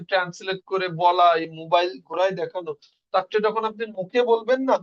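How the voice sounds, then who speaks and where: A man with a fairly high voice leads an online class, explaining step by step. He poses questions to the class and then answers them himself. The audio is dull and lo-fi. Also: fairly bright tone. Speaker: Russian language teacher.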